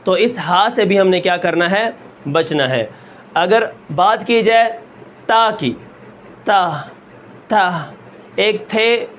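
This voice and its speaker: A man teaching Quran recitation step by step, asking questions and answering them himself, and stretching sounds slowly to show them. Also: high voice, a bit bright, a little hiss or hum. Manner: asks the class a question, then answers it himself; draws out sounds long and slow to show them.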